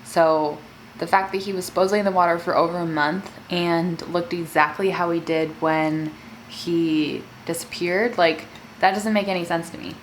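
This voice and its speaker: A woman's voice: on the low side, fairly even intonation, moderate pace, slight background noise, low-quality recording. A woman talking casually as a mukbang host, telling a true-crime story in a chatty way peppered with filler words. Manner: conversational, filler-heavy with frequent "like".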